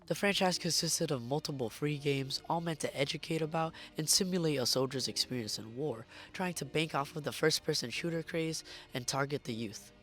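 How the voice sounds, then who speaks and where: A man reading a scripted video essay in a hoarse, strained voice that is giving out as he narrates. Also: fairly high pitch, brisk, hardly any pauses, a bit bright. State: hoarse, losing his voice. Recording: music behind the voice. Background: background music.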